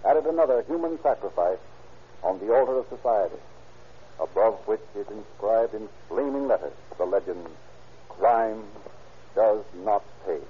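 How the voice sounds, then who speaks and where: A man's voice: fairly low pitch, lively intonation, moderate pace. A man narrating and announcing in a formal, declamatory 1930s radio style. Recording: tinny, noisy 1930s radio broadcast.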